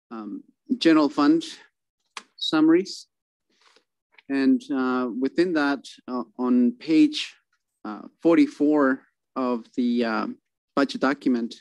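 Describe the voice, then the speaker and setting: A man presenting a city budget at a council meeting over a video call, halting with many fillers and restarts. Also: mid-range voice, no room sound.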